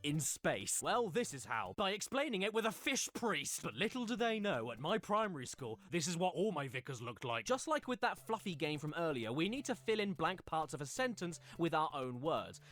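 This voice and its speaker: A man's voice: fairly high pitch, sing-song, moderate pace, hardly any pauses, fairly bright tone. A man narrating a comedic game review in a sarcastic, mock-dramatic way. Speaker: video essay narrator.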